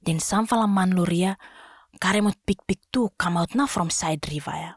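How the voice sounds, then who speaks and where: A woman's voice: on the low side, normal speed, breathy edge, dry recording, clean studio sound. A woman with a Solomon Islands accent narrating a storybook expressively in Solomon Islands Pidgin.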